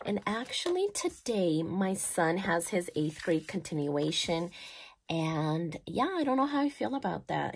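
A woman in her thirties chatting casually as she decorates her planner, gushing and thinking aloud, sometimes dropping soft. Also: on the low side, a little hiss or hum. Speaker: planner vlogger.

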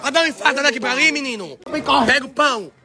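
A young man, loudly and bossily teasing friends during a group meal. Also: very high voice, lively intonation, rapid-fire. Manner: loud, bossy teasing. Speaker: host of the house. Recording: noisy group chatter behind.

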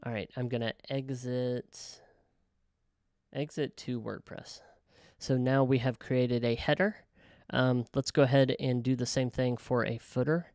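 A man casually talking through a software tutorial, thinking aloud with frequent ums and self-corrections. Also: mid-range voice, fairly even intonation, measured pace, no echo, studio quality. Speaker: web developer tutorial host. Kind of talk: casual screen-recorded software walkthrough.

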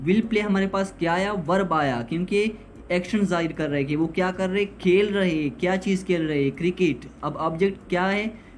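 This teacher's voice sits high and moves at a normal pace, with a little noise in the background. He walks through a grammar lesson by translating examples, going over points again and raising questions only to answer them himself.

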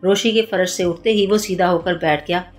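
A woman narrating a detective novel as an audiobook in a steady storytelling voice, with music behind her. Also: on the low side, moderate pace. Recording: soft background music.

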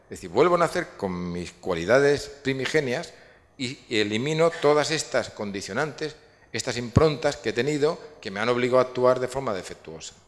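A man speaks at a public lecture with audience questions, held in a large hall whose reverb lingers. He explains his ideas in a rambling way, full of fillers and repeated restarts, using a medium-pitched voice with lively intonation at normal speed.

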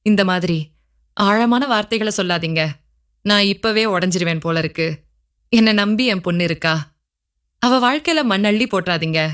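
A woman's voice: medium pitch, moderate pace, pauses often, smooth, lightly acted. A woman voicing a tearful, pleading mother. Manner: pleading, near tears. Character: anxious single mother, a tender woman pleading.

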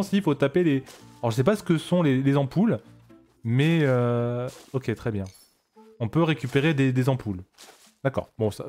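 A man's voice: mid-range voice, dark tone. A man giving casual, joking commentary while playing a game on stream, chatty with frequent restarts. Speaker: let's play streamer.

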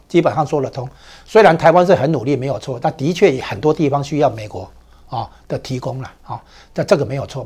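A man's voice: fairly high pitch, a little mellow. A man with a Taiwanese Mandarin accent giving emphatic talk-show commentary, full of rhetorical questions and 啊 and 哦 fillers. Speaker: political commentator.

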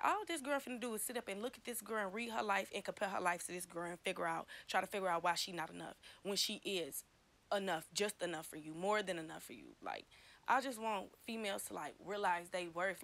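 A woman's voice: medium pitch, fairly bright tone. A woman vlogger talking in a chatty, slangy way, full of fillers, as she gives her opinion in a casual gossip video.

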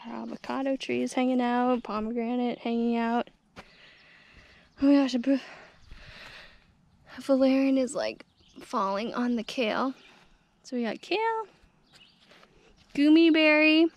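A woman's voice: fairly high pitch, a little slow, vocal fry, long pauses, dull audio. A young woman giving a casual walking tour of her homestead garden, talking easygoing and chatty with lots of fillers, filmed on a handheld camera outdoors. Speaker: homestead vlogger. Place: outdoors in a rural garden on a hot day. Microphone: handheld action camera.

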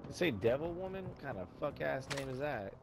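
A young man in a gaming squad, talking like a brash frat bro. His banter is casual and crude, thick with swearing, in a mid-pitched voice. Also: sing-song, brisk, vocal fry, background noise. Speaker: squadmate in an online shooter game.

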